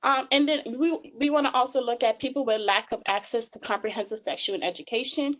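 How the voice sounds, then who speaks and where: A woman's voice: fairly high pitch, fairly quick, a bit bright, poor audio. A woman in her twenties giving a webinar presentation over slides, earnest and full of filler ums. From Georgia, US. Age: 20s.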